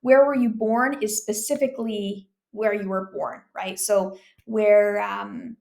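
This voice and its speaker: A young woman from Ontario, Canada, working as an exam tutor, explaining speaking-test questions in a relaxed, chatty way with many fillers and tag questions. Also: mid-range voice, slow pace, gravelly. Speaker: IELTS tutor.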